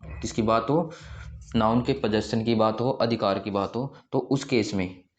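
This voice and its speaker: A man's voice: fairly low pitch, unhurried, muffled recording. A man teaching a grammar lesson, who keeps asking questions and answering them himself.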